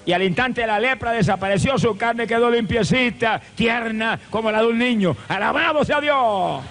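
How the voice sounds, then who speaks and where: A male evangelist preaching a fervent revival sermon, with impassioned repeated cadences and bursts of shouted praise. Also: very high-pitched, moderate pace, slight background noise. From Puerto Rico.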